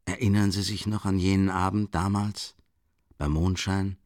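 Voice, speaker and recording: Guy reading a cynical villain in an audiobook, mocking and smooth, lowish voice, dry. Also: flat delivery, normal speed, a little mellow, dry recording, close to an everyday voice. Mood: sneering. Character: sneering, cynical gentleman villain, calm.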